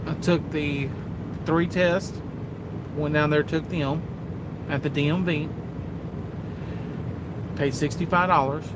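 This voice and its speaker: A man's voice: on the high side, background noise. A man from Texas, a truck driver vlogging in a rambling, folksy way about his life on the road. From Houston, Texas. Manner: rambling, folksy, repeats himself. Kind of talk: casual vlog monologue.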